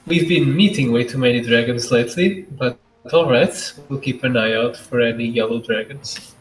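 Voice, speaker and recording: A man's voice: mid-range voice, moderate pace. A man playing in a tabletop role-playing game, talking casually about his character and the story. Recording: roomy echo, faint music behind.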